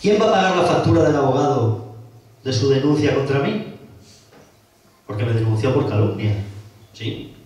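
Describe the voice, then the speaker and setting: A man's voice: mid-range voice, moderate pace, long pauses, darkish tone. A man with an Extremaduran Spanish accent, an opposition town councillor making a combative council meeting speech and hammering his opponents with repeated questions. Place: council chamber. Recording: very echoey hall, distant mic.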